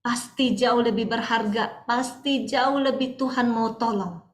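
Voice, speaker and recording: A woman sharing an earnest personal testimony in a community devotional talk, telling the story slowly. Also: fairly high pitch. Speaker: speaker sharing a devotional reflection. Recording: echoey room.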